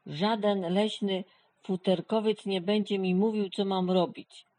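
A woman's voice: fairly low pitch, darkish tone, rough recording. A woman voicing a bossy, haughty female goose in a children's storybook. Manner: haughty, commanding, slow.

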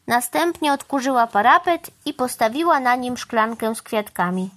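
A woman reading a children's story aloud in an animated, expressive way. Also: on the high side, normal speed.

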